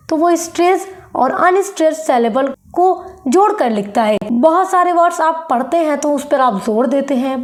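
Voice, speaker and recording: A young woman teacher giving a lecture on English poetry, repeating each example word slowly, syllable by syllable. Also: high voice, a little mellow.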